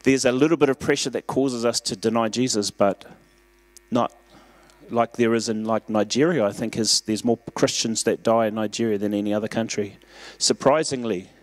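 A man's voice: fairly low pitch, steady tone, moderate pace, dry recording. A man preaching a sermon in a church, in an earnest, conversational way, pushing up for emphasis. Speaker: pastor.

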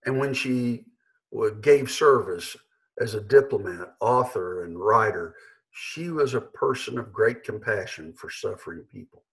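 Older pastor guy, gravelly, slow earnest sermon from his living room. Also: lowish voice, animated, low-quality recording. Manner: earnest, measured, with emphatic slowed phrases. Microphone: webcam at desk.

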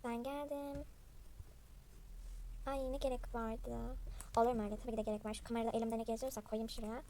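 A woman's voice: on the high side, little pitch movement, a little fast, mellow, a little hiss or hum. A young woman playfully narrating a dollhouse game and voicing all the characters herself. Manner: voices several characters by herself, chatty. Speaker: channel host playing a dollhouse game.

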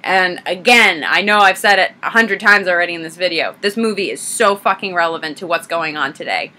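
A woman reviewing a film in a casual vlog, retelling the plot in an animated, profane way. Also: on the low side, a little fast.

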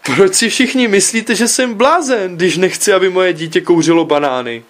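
A male narrator puts on a fussy, suspicious father who keeps flaring into indignant shouts. The voice pitches up and grows loud and insistent. It is part of a humorous storybook reading. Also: natural voice. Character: excitable suspicious middle-aged father, man.

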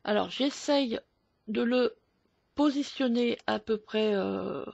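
A woman with a fairly high, gravelly and husky voice walks through a photo editing tutorial. She talks slowly and hesitantly, full of fillers. The recording is dull and lo-fi, with a dry close mic. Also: darkish tone, dry recording. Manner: slow, hesitant step-by-step explaining with many fillers. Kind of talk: screen-recorded software tutorial.

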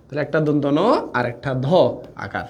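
A man's voice: mid-range voice, a little fast, lo-fi sound. A man teaching a live online class, coaxing his students, repeating key points and checking often that they follow.

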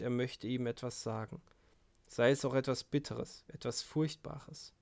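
A man narrating a classic novel as an audiobook in a solemn, measured way. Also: mid-range voice.

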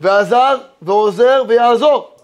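A man teaching a Torah lesson as a rabbi, animated and emphatic, telling stories and asking rhetorical questions, swinging between loud and hushed. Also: very high-pitched. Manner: storytelling, with many rhetorical questions. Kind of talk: Torah lesson sermon to a live audience.

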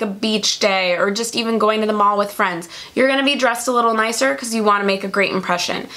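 A woman's voice: fairly high pitch, vocal fry, bright, forceful tone. A woman hosting a career advice video, talking straight to her viewers in an upbeat, encouraging way and acting out sample phrases to say to employers. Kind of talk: direct-to-camera advice talk.

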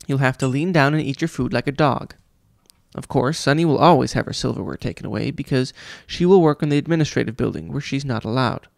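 Gravelly and expressive, this mid-range male voice moves at a quick pace in studio-quality audio without echo. He reads a children's storybook part as a cruel, pompous vice principal who declares himself a genius. Scolding and pompous in mood, he mocks and talks down to his listeners.

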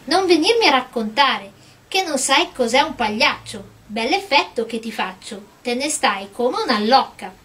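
A woman's voice: high-pitched, expressive, normal speed, a bit bright, slightly rough, heavily acted. A woman reading aloud and voicing an impertinent little male porcelain clown in a storybook, with a mocking, brash manner.

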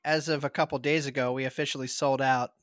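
A man's voice: mid-range voice, level tone, fast, fairly bright tone, no room sound, clean studio sound. A man co-hosting a running podcast, chatting casually in a joking, self-mocking, upbeat way. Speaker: podcast co-host. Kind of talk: casual chat.

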